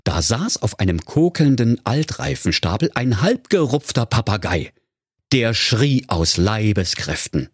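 Male fairy-tale narrator, radio comedy, husky, low, lively intonation, dry studio sound. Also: measured pace, no echo.

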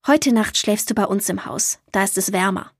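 Woman doing a firm practical mum, gentle, a little husky. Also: mid-range voice, moderate pace, dry recording, clean studio sound. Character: caring mother, firm and practical.

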